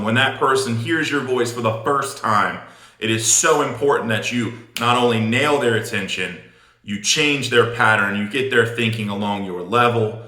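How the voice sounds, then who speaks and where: Bright and forceful at a medium pitch, a man coaches an audience through an instructional sales talk. He is emphatic, informal and blunt, repeating words for punch, and the room sound echoes.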